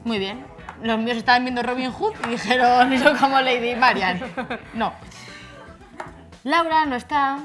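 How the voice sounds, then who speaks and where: A woman with a Spanish accent, a pharmacist guest, joking around and breaking into slow improvised songs. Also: fairly high pitch, over music. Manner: jokey, teasing, sings slowly in a mock tune. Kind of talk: playful chat with improvised singing.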